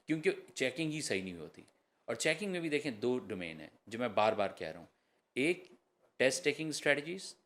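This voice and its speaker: A man speaks as an IELTS trainer on a podcast. He explains step by step at a mid-range pitch and drops English terms in as he goes. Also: fairly bright tone. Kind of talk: podcast interview answers.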